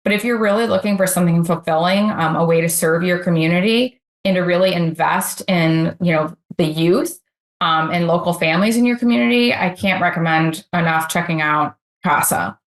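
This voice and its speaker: A middle-aged woman talks earnestly in a podcast interview, with a lowish voice. Her speech is chatty and full of fillers. The recording has a noticeably echoey room sound. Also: moderate pace. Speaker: podcast guest, advocate supervisor.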